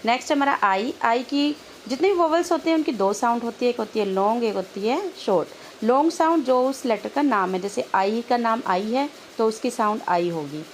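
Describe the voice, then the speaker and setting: Higher-voiced woman teaching a lesson. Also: expressive, brisk, slight background noise. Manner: asks questions and answers them herself; mixes Hindi with English words. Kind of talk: explaining a textbook lesson.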